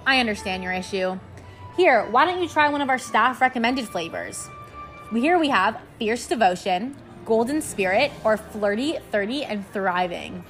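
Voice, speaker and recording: A woman playing an upbeat store clerk giving a sales pitch in a comedy sketch. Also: lively intonation, moderate pace, fairly bright tone, faint music behind. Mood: chirpy. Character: chirpy woman store clerk selling candles.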